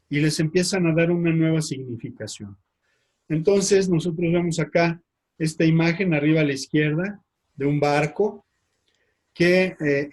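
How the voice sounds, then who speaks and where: A man, a priest with a Mexican Spanish accent, giving a slide lecture, speaking haltingly with frequent fillers and tag questions. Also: fairly high pitch. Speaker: priest teaching.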